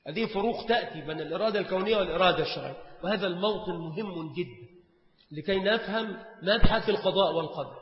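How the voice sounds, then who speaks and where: A man with an Egyptian Arabic accent teaching a religious lesson, explaining grammar step by step, repeating key phrases, asking rhetorical questions and reciting verses slowly. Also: high voice. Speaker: Islamic scholar teaching creed. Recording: dull, echoey hall recording.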